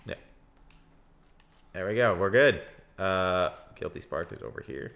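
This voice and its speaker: A young man talking through a co-op game with a bright, forceful tone. He explains the game's lore to his friend and breaks into excited callouts when the action heats up. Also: deep voice, measured pace, creaky. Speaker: co-host of a gaming channel. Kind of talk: casual let's-play commentary.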